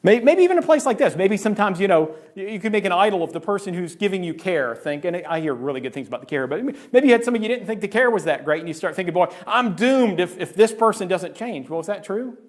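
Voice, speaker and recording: A middle-aged male pastor preaching in a church, his voice a little higher than most men's. He talks to the congregation like a conversation and keeps asking "right?" Now and then he acts out someone's worried inner voice with sudden high jumps in pitch. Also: expressive, rapid-fire, hardly any pauses. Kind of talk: sermon.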